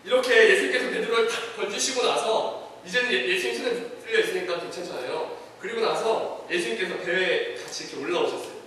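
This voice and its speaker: High-voiced man preaching in an echoey hall. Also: fast, few pauses, pushed and bright, slight background noise. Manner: earnest, conversational, often affirms with short "yes". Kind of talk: sermon. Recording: echoey hall, distant mic.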